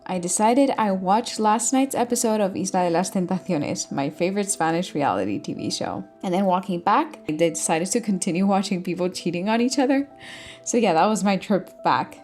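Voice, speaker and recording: Talking about her days, the young woman sounds expressive, with a darkish tone, medium pitch and moderate pace, while soft music plays underneath. Her vlog chat is informal, chatty and self-deprecating.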